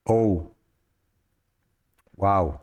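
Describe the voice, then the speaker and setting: A man in his sixties with a Swiss French accent, a podcast guest telling lively anecdotes and acting out the dialogue he quotes. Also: low voice, very slow, muffled recording. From Switzerland. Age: 60s. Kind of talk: storytelling interview.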